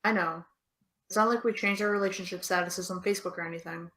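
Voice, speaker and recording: Quick and natural at mid-range pitch, a woman voices Eve, a sardonic young American woman, in an audio drama. She comes across teasing and intimate, with a dry, deadpan touch.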